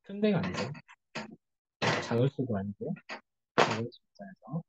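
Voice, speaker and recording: A church youth group leader teaching a casual Bible study lecture, telling stories in an animated way and acting out quoted speech. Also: mid-range voice, moderate pace, highs cut off, heavy background noise.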